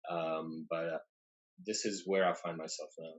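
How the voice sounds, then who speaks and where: A young man from Lebanon, a dentist and book collector, telling his story as a guest on a video call in a thoughtful, soft-spoken way with "um" fillers. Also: deep voice, level tone, moderate pace, low-quality recording. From Lebanon, raised in the Middle East. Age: young adult. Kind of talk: casual video call interview.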